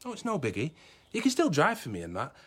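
An actor playing a smarmy, breezy boss in a radio sitcom, glib and chummy. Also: male voice, on the high side, wildly swooping pitch, quick pace, a bit bright, slightly rough, heavily acted. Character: smarmy, breezy young male boss who discards his friends.

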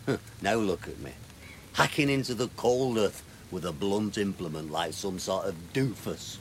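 An actor playing a self-pitying gardener, wistful and grandiloquent in a radio sitcom. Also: male voice, deep voice, lively intonation, normal speed, slight background noise. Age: 30s. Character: weary, self-pitying male gardener in his thirties, cast out by his boss.

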